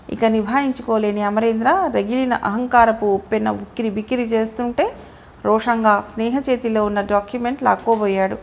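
A woman's voice: on the high side, creaky, a little hiss or hum, poor audio. A woman reading a novel aloud as an audiobook, voicing every character herself with little change of voice. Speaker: audiobook narrator.

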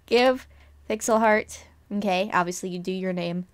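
A woman's voice: medium pitch, moderate pace. A young adult woman hosting a casual game tutorial, chatty and rambling, often correcting herself and teasing her viewers. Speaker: channel host.

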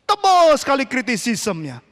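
A man preaching a sermon as pastor, with sudden shouted lines and English phrases mixed in. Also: very high voice, huge pitch swings, moderate pace. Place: church hall. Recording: long church hall reverb.

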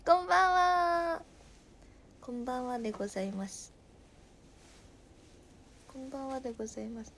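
A woman in her twenties from Nagasaki, chatting casually on a livestream with a Nagasaki dialect, reading viewer comments aloud and often dropping to a soft murmur. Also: fairly high pitch, fairly quick, pauses often. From Nagasaki, Japan. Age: 20s.

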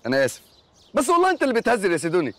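Punning Egyptian sitcom sidekick, jokey and mocking, with a wide, lively pitch. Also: male voice, racing, no echo, full character voice. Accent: Egyptian Arabic. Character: cheeky young man teasing his friend with puns. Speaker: sitcom character. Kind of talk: TV sitcom acting.

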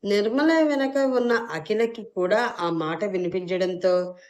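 A woman narrating a dramatic audio story in an expressive, emotive way. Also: mid-range voice, takes it slowly.

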